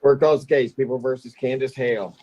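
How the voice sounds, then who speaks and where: A man's voice: mid-range voice, steady tone, a little fast, a little mellow. A man speaking as a judge in a courtroom recording, formally calling and adjourning cases. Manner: formal, procedural. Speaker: judge presiding over court. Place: remote court hearing. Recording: courtroom recording with clear background noise.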